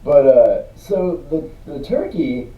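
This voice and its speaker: A man co-hosting a casual movie review chat, relaxed, retelling scenes and laughing along. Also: fairly high pitch, slow pace. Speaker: podcast co-host. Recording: roomy, distant mic, dull sound.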